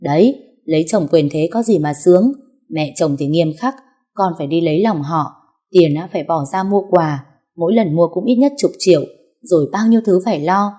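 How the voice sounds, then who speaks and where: A spoiled young wife, voiced by a female storyteller chatters and complains in a gossipy, giggly voice. Her tone stays mellow and fairly low through the audio story. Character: spoiled young married woman, chatty and scheming.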